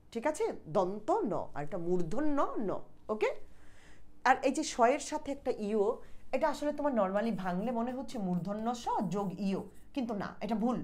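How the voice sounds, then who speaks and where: A woman's voice: a little high, a little mellow. A woman with a Bangladeshi Bengali accent teaching an exam-prep grammar lesson, explaining patiently, repeating points and asking checking questions.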